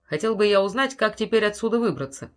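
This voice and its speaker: A woman's voice: mid-range voice, lively intonation, quick pace, lightly acted. A woman reading the lines of an irritated middle-aged husband who bursts out angrily and bossily. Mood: annoyed. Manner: angry, bossy outbursts.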